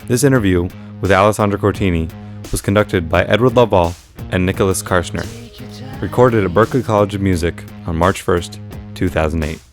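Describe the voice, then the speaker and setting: A man reading a scripted radio station announcement in a formal, even delivery. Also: sits low, brisk, soft background music.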